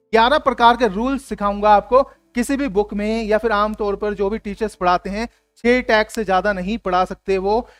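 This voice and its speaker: High-pitched guy teaching grammar, really emphatic, acts out the examples, dry close mic, bit of music behind. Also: no echo. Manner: emphatic, animated explaining with acted-out example phrases. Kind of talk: classroom lesson for a video channel.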